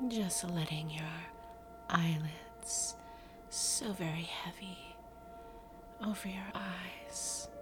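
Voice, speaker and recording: Slow woman whispering right in your ear. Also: fairly low pitch. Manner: very slow, seductive, soothing commands. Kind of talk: whispered ASMR hypnosis role-play. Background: music with singing bowl tones.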